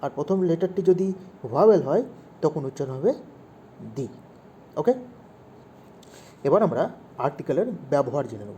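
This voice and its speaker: A man's voice: fairly high pitch, lively intonation, moderate pace, long pauses, dark tone, slight background noise. A man teaching English grammar to young pupils, asking questions and repeating the main points. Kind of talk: explaining grammar to children.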